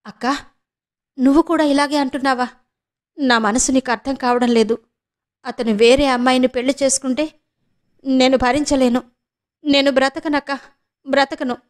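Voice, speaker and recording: A woman's voice: high voice, steady tone, normal speed, long pauses, pitched above the performer's own voice, close to an everyday voice. A woman voicing a distraught young woman, a heartbroken younger sister who pleads tearfully and stammers. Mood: pleading.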